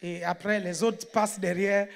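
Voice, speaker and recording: A man with a very high voice preaches a lively sermon to a congregation. He shouts, acts out dialogue and calls for amens. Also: moderate pace. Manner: animated, shouting, call-and-response with the congregation.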